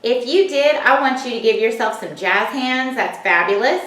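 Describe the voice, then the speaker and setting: A woman teaching a recorded phonics lesson, sounding out words slowly and clearly and encouraging the children. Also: fairly high pitch, fairly bright tone, reverberant. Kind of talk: recorded home-learning lesson.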